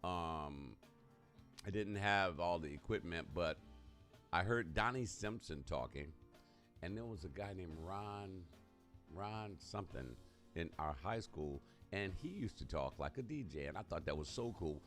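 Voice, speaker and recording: Male radio host, very low voice, chatty and laid-back, faint music underneath. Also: animated, a little slow, a bit bright. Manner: chatty, laughs often, colloquial. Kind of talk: casual live radio talk.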